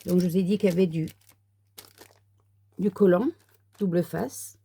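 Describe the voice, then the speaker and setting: A woman talking viewers through a paper craft kit in a relaxed, unhurried way, handling the pieces as she speaks. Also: lowish voice, creaky, husky. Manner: soft, unhurried, talks while working with paper. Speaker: crafter demonstrating a card kit. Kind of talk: casual crafting tutorial.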